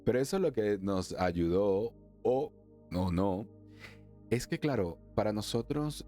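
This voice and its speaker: A man from Venezuela hosting a solo spiritual podcast, chatty, laughing often, slowing down for emphasis and then speeding up. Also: on the low side, lively intonation, dark tone, faint music behind. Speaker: podcast host, emotional wellness therapist.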